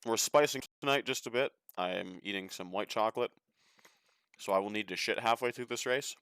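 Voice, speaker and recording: A young man rambles through his sim racing stream in a loose, joking way, swearing without a second thought. His voice is on the low side but bright and forceful, and it comes through clean and crisp in a dry, close recording. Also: a little fast, dry recording. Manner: chatty, swears freely, offhand and joking. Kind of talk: casual live-stream commentary while racing.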